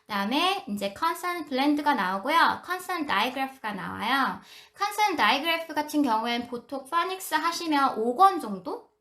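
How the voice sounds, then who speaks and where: Bright, lively woman teaching phonics. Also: high-pitched. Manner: explanatory, repeats and demonstrates sounds slowly. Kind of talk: live-stream lesson for parents.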